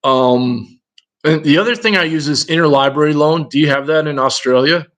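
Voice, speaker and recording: A man's voice: on the high side, normal speed, fairly bright tone, low-quality recording. Rambling Minnesotan man on a livestream. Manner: rambling and digressive, talking to viewers in chat. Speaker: livestream host. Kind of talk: casual livestream chat answering viewers.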